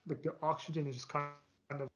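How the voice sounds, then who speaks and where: A man narrating a tabletop game as game master over a voice call, talking haltingly with many ums, his voice cutting in and out on a bad connection. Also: fairly high pitch, flat delivery, a loud crowd. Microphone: computer mic on a voice call. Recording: dull lo-fi online call audio.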